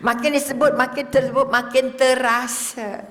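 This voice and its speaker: A fairly high-voiced older woman with a Malaysian Malay accent, teaching religion to an audience. She talks lively, keeps asking her listeners questions, and sometimes drops to a whisper to show how a prayer should sound. Her voice rings with the long echo of a large hall. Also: normal speed. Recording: reverberant hall.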